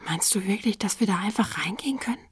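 A woman's voice: mid-range voice, expressive, quick pace, breathy edge, no echo, studio quality. A woman voicing an anxious teenage boy who keeps protesting, in a children's audiobook. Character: nervous, whiny teenage boy.

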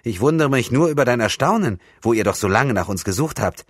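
A man's voice: mid-range voice, animated, a little fast, husky, dry recording, clean studio sound, pitched above the performer's own voice. Man voicing a cheeky young lad. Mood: teasing. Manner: teasing, guarded. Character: cheeky wary young male traveller, almost a boy.

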